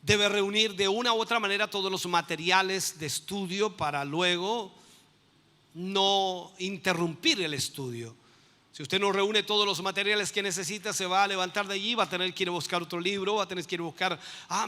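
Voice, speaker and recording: A man's voice: high-pitched, big-room sound. A man, a bishop and pastor, teaching a sermon with emphatic bursts. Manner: emphatic, rising to loud bursts.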